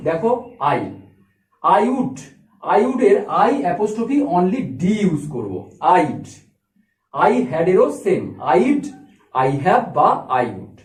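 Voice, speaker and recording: A man teaching an English grammar lesson, explaining step by step and repeating each word slowly. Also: high voice, a little mellow. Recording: echoey room, voice from a distance.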